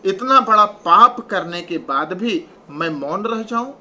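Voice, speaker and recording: A man teaching Hindi poetry, reciting verses slowly and then explaining them line by line in plain prose. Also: high-pitched, lively intonation, pushed and bright. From India.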